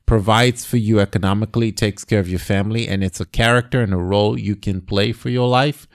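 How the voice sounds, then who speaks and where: A man from Nigeria co-hosting a casual chat, animated and swearing as he acts out quoted voices. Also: fairly low pitch, brisk, dry recording, studio quality.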